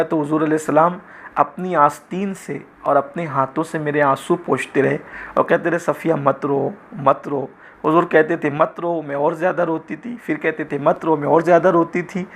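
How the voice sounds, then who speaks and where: A man giving a religious lecture in a measured, reverent storytelling manner, full of honorifics. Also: a little high. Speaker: religious speaker.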